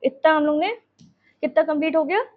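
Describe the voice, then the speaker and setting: A woman's voice: high voice, a little fast, narrow, tinny audio. A woman teacher explaining a map lesson, repeating names and checking in with her students.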